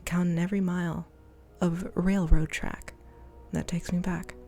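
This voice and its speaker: Low-voiced woman reading letters softly. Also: little pitch movement, unhurried. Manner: often drops into a soft whisper while reading. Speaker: streamer. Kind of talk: reading game dialogue and letters aloud on a live stream.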